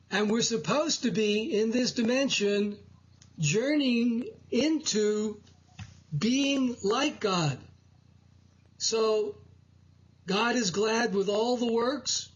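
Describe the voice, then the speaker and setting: A man hosting a spiritual talk show, speaking in a measured, preaching way over dull, lo-fi audio. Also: extremely high pitch, breathy edge. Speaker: host.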